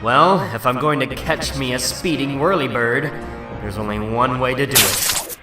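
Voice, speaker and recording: A man's voice: mid-range voice, normal speed, lightly acted. A man voicing a determined, wisecracking superhero who thinks aloud in a dramatic comic-book reading. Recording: roomy, distant mic, loud music underneath.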